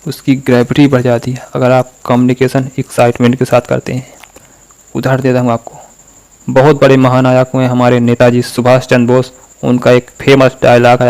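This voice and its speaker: A man's voice: medium pitch, completely flat delivery, moderate pace, a little mellow, poor audio. A man giving a motivational talk, speaking straight to the viewer and acting out his examples.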